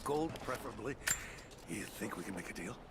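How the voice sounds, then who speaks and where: An actor playing a nervous contractor who secretly sells gear, talking in a hushed, furtive way in a video game. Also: male voice, lowish voice, lively intonation, a little fast, background noise, close to an everyday voice. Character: nervous male contractor selling gear on the sly.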